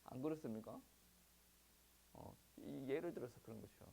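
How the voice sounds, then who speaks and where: During a church service, a male pastor with a Gyeongsang Korean accent poses rhetorical questions to the congregation, pausing on "eo" fillers. His mid-range voice is creaky and warm, with a little hiss or hum in the recording.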